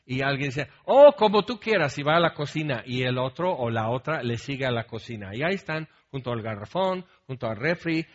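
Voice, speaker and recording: A man's voice: medium pitch, brisk, hardly any pauses, a bit bright, muffled recording. A man with a Mexican Spanish accent preaching a sermon in a conversational way, often checking in with the congregation and telling humorous stories with asides. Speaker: pastor.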